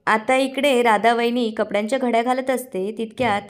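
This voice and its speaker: A woman with a fairly high voice retells a TV serial episode and reads every character's lines herself. She keeps a steady storytelling pace, moving through scene after scene. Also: fairly quick. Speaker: narrator. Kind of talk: episode recap narration.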